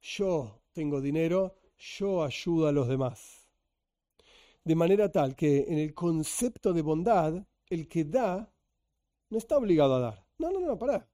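A man with an Argentine accent giving a religious teaching talk, animated and lively, sometimes acting out the voice of a selfish giver. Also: on the high side, measured pace, no echo, studio quality. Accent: Argentine Spanish.

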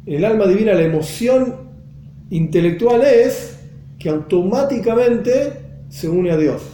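Male teacher, high mellow voice, patient explainer, echoey room. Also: lively intonation, a little slow, slight background noise. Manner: explanatory, repeats phrases, mixes in Hebrew and Yiddish terms. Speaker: Torah teacher.

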